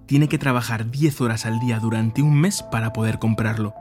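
A man narrating a documentary podcast from a script in a measured, descriptive way. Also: mid-range voice, steady tone, a little mellow, soft background music.

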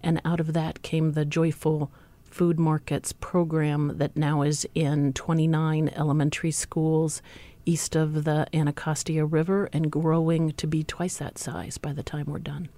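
A nonprofit leader answers an interview question, building steady rhythmic lists. The voice is mellow and the sound is dry. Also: medium pitch, unhurried, dry recording.

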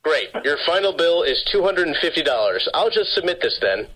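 A man's voice: a little high, big pitch swings, brisk, bright, forceful tone. A man posing as a phone company caller, speaking in a scripted, repetitive sales-call manner over a garbled phone line that keeps breaking up.

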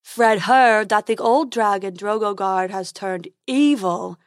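A woman voicing a silly, stubborn male unicorn who talks slowly. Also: medium pitch, dry recording, clean studio sound. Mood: gossipy. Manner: slow, dopey.

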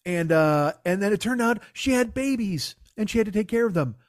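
A man with a high-pitched voice holds forth on a comedy podcast, sarcastic and foul-mouthed. He slips into mocking impressions of the people he is ridiculing. The sound is dry and close. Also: lively intonation, brisk, no echo. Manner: sarcastic, profane, mocks people in put-on voices. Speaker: podcast host.

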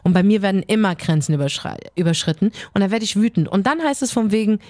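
A woman's voice: medium pitch, expressive, a little mellow, no echo. A woman co-hosting a podcast, telling stories in an emphatic, fiery way in casual chat. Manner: fiery storytelling, quick, emphatic. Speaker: podcast co-host.

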